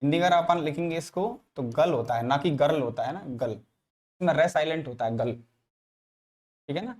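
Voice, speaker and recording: Explaining English grammar to a class, a man repeats each example and regularly checks in using tag questions. His voice is on the high side, darkish in tone, with a moderate pace.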